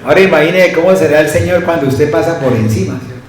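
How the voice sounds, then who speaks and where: A man's voice: fairly high pitch, quick pace. Man preaching in a very echoey hall. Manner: conversational, asks the congregation frequent questions. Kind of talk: sermon. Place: church hall. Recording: very echoey church hall, faint noise.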